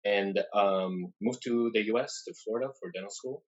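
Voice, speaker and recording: Deep-voiced young man from Lebanon. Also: normal speed, highs cut off. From Lebanon, raised in the Middle East. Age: young adult. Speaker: dentist and book collector, guest. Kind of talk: casual video call interview. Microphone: video call.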